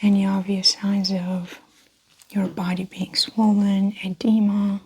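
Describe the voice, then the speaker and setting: A woman playing a calm, methodical female doctor in an ASMR role-play, speaking in a soft breathy soft voice with gentle clinical narration. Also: medium pitch, takes it slowly. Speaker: ASMR performer.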